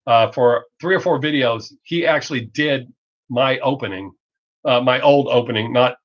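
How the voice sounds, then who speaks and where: A middle-aged Southern American man hosts a live stream as a reaction video creator, chatting off the cuff in a blunt, rambling, joking way. His voice is mid-range, and he talks fast enough to mask his drawl. The lo-fi livestream audio sounds dull.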